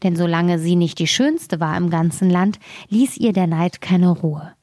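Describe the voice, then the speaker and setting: A woman storyteller reading a fairy tale aloud in a calm, measured way. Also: lowish voice, no room sound, clean studio sound.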